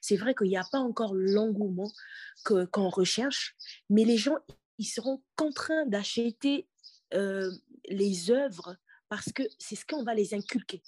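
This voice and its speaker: A woman's voice: medium pitch, a little slow, a little mellow, slightly rough, no echo, studio quality. A woman in her thirties from the Republic of the Congo, a singer speaking earnestly as a podcast guest, often repeating words. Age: 30s. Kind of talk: casual interview talk.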